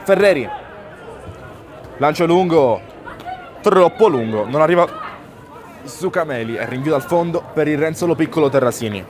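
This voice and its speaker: A man's voice: a little high, expressive, normal speed, pauses often. A man giving live play-by-play commentary on a football match. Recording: outdoor stadium crowd noise. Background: crowd at an outdoor ground.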